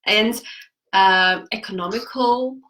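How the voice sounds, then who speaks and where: Bright-voiced woman, bubbly chat. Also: mid-range voice, takes it slowly. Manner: bubbly, laughs often, searches for English words. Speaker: coaching show host. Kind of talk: casual livestream chat. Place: room at home.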